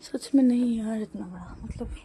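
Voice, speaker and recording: A woman's voice: on the high side, normal speed. A young woman chats casually to her vlog viewers as she waters plants on her rooftop. She talks about each chore as she does it and laughs at herself. The phone recording carries plenty of outdoor noise. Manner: chatty, self-narrating chores, laughs at herself. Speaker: vlogger. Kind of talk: casual home vlog chat. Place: home rooftop and garden area.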